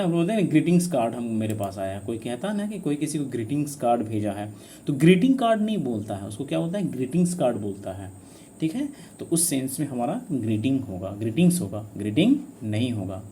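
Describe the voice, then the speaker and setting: A man's voice: mid-range voice, dark tone, slight background noise. A man teaching an exam-prep grammar lesson. He keeps asking his students questions, answers them himself, and repeats the key words.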